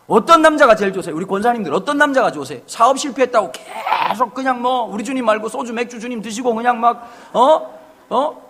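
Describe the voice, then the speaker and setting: Middle-aged pastor, husky, high and animated, preaching with playful family anecdotes. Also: male voice. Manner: humorous, animated storytelling with acted family quotes. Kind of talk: sermon. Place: church sanctuary.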